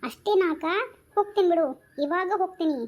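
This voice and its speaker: A woman's voice: very high voice, fast talker, darkish tone, muffled recording. A woman voicing a sassy teenage younger sister who talks back, with a North Karnataka Kannada accent. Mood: coaxing. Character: cheeky teenage younger sister, quick-tongued. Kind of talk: homemade village drama.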